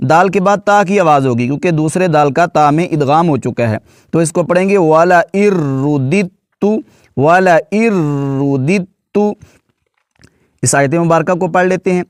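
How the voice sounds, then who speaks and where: A man's voice: fairly high pitch, no room sound, clean studio sound. A man teaching Quran reading, patiently spelling words out letter by letter and adding a polite "ji" to his phrases. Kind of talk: tajweed lesson.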